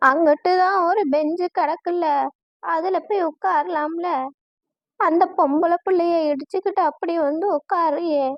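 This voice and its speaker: A woman voicing a kindly, nosy elderly village grandmother who talks slowly and teasingly, in a cartoon. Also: very high voice, fairly even intonation, no room sound. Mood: drawling. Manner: slow, drawling, teasing. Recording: dull lo-fi dry sound.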